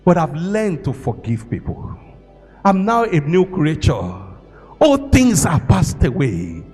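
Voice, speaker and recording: A male preacher voicing a calm, forgiving young boxer who speaks softly and patiently. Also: a little high, takes it slowly, slightly rough, exaggerated voice. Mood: earnest. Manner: soft, patient, pleading. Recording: echoey hall with faint music.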